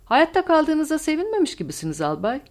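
A woman's voice: sits high, sing-song, a little fast, voice pushed up. Woman voicing a shaken wartime pilot. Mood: tense. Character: tense male wartime pilot, shaken but steady.

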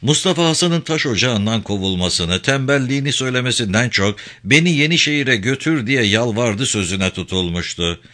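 A man narrating a novel as a scripted audiobook, in an expressive storytelling manner. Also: on the low side, moderate pace, few pauses.

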